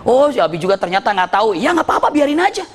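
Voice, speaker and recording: A man preaching at a religious study session, telling lively, humorous stories and acting out the voices of the people in them. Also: high-pitched, very fast. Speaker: Islamic preacher. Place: mosque study hall. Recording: echoey hall with faint noise.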